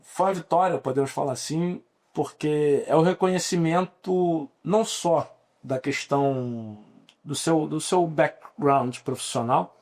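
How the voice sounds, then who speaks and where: Unhurried and a little mellow, the fairly high voice belongs to a Brazilian man in his forties, a lawyer being interviewed on a podcast. His Brazilian Portuguese accent comes through as he explains things at length with many restarts.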